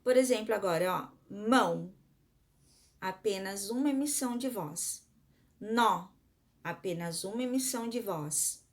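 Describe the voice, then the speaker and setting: A woman's voice: medium pitch, lively intonation, moderate pace, a little mellow. A woman schoolteacher with a Brazilian Portuguese accent, giving a recorded lesson to her pupils. She explains patiently, step by step, sounds words out syllable by syllable, and asks the class questions that she then answers herself.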